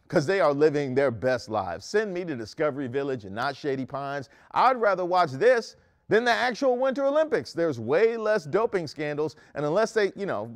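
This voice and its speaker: A young man hosting a comedic news segment, joking with mock-outraged asides, recorded standing in a studio. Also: medium pitch. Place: studio set in front of a screen.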